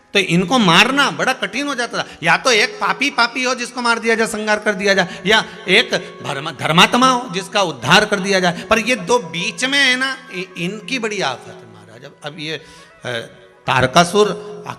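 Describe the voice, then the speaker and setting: Bright-voiced man preaching in an echoing hall. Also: sits high, animated, moderate pace. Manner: storytelling, rising to emphatic outbursts. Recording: echoey hall with music behind.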